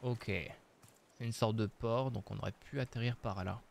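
Slow, musing game streamer man. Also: fairly low pitch, steady tone, gravelly, a little mellow, a little hiss or hum. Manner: slow, musing, thinking aloud with many hesitations. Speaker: streamer playing a survival game. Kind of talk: casual live game commentary.

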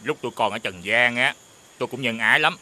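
A man's voice: mid-range voice, quick pace, sharp tone. An actor playing a stern male demon assistant from the underworld, with a formal, commanding manner. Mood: consoling stern. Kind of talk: TV fairy-tale drama acting.

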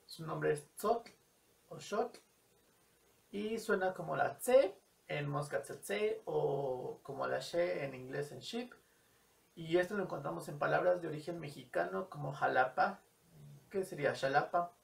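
Male tutor, somewhat high voice with a slow, patient pace, repeating words for clarity. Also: creaky, recorded from a distance. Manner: careful, repeats example words slowly. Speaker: language teacher. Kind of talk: slow spoken language lesson.

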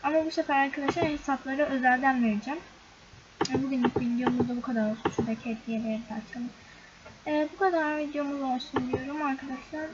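A woman's voice: sits high, fairly even intonation, fast. A young woman chatting casually to her viewers over a game screen recording, often exasperated. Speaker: gaming YouTuber. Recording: dull lo-fi recording with loud background noise.

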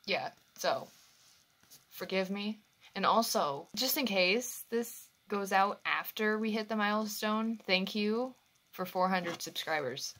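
Woman vlogger, candid and self-correcting, unhurried delivery, bright tone, phone mic. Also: medium pitch, poor audio. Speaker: anime reaction YouTuber. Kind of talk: casual reaction commentary.

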